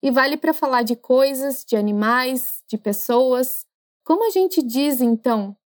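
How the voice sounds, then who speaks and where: A woman with a high voice gives a podcast French lesson. She is chatty and encouraging, and she slows down to model how phrases should sound. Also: animated. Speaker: French teacher.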